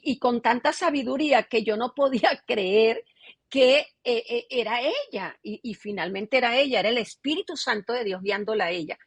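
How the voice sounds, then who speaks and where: A woman's voice: a little high, fairly bright tone, slightly rough, no echo. A middle-aged woman pastor, telling her testimony in an interview and acting out the dialogue she quotes.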